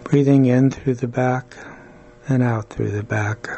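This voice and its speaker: A man leading a guided body-scan meditation, speaking calmly and soothingly, with long pauses between short phrases. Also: mid-range voice, vocal fry, lo-fi sound, a little hiss or hum.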